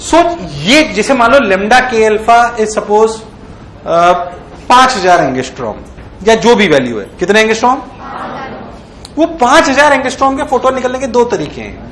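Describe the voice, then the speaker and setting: High-voiced man teaching physics. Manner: lively, keeps asking students if it is clear; acts out electrons in playful voices. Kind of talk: classroom lecture. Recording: echoey classroom.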